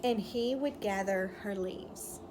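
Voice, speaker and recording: Outdoors, a woman teacher with a mid-range voice reads a picture book aloud to young children, stopping to explain words simply and ask questions to check understanding. The recording is clearly noisy with outdoor ambience, with birds chirping and a wind chime in the background.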